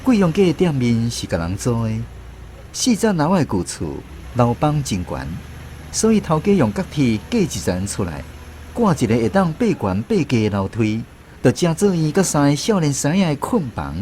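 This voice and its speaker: This Taiwanese-accented man voices a thoughtful narrator in a radio drama, looking back on his days as an apprentice while guitar plays. He speaks at an ordinary pace in a mid-range, sing-song, mellow, natural voice, with slight background noise.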